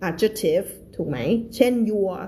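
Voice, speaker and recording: A woman teaching reading on a live stream. She is chatty and playful, laughs at herself, and reads sentences slowly, word by word. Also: medium pitch, mellow.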